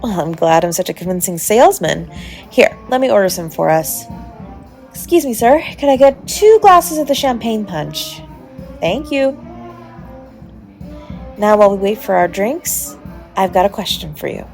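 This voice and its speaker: With music playing behind her, a woman voices a smooth-talking, playfully flirtatious adult stranger at a party in an intimate, one-sided romantic audio roleplay aimed at the listener. Her mid-range voice is gravelly, a little mellow, and very animated, at a normal speed. She is chatty, coy, and teasing, pausing often.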